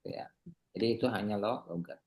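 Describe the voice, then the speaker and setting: A teacher explaining Arabic vocabulary patiently in casual, relaxed talk, mixing drill words into his explanations. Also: low voice, a little fast. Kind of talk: casual tutoring lesson.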